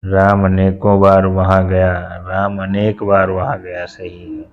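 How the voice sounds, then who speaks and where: A man teaching an exam-prep lesson, reading out each question and answer in a slow, methodical way and repeating every answer word by word. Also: sits low, completely flat delivery, lo-fi sound. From India.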